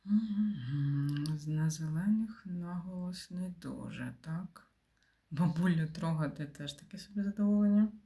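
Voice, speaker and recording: A woman's voice: lowish voice, measured pace, mellow. A woman giving casual commentary while playing a puzzle game, thinking aloud and often dropping to a mutter or whisper. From Ukraine. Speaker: game streamer.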